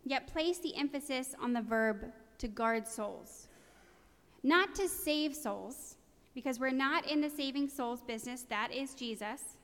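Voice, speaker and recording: Woman, preacher, sermon, earnest, conversational, self-deprecating, slightly high voice, long hall reverb.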